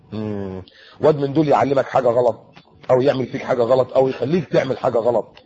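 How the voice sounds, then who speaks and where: A man's voice: mid-range voice, mellow, husky, muffled recording. A man with an Egyptian accent giving an earnest religious talk to teenagers, warning and repeating himself. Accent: Egyptian Arabic. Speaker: preacher.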